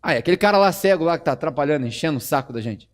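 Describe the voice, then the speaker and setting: Exasperated male disciples banter in mocking street slang, as a preacher puts them on. They sound brisk and over-familiar. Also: fairly high pitch, lively intonation, close to an everyday voice.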